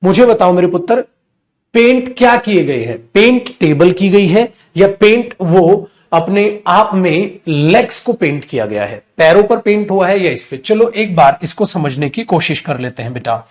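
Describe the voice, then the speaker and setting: A man's voice: high-pitched, big pitch swings, normal speed. A middle-aged man with an Indian English accent teaching English grammar in a live class, coaxing his students and asking and answering his own questions. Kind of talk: live online class lecture.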